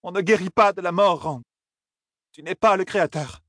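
A man voicing a calm, commanding woman sorceress in an audiobook, pleading and firm by turns. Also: high-pitched, moderate pace, no echo, studio quality, pitched above the performer's own voice. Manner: pleading, urgent.

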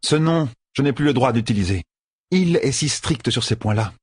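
A man's voice: mid-range voice, lively intonation, moderate pace, a little mellow, slightly rough, no room sound, studio quality, pitched above the performer's own voice. A man voicing a haughty, scheming woman sorceress who speaks arrogantly and possessively in an audiobook. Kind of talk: audiobook character voice.

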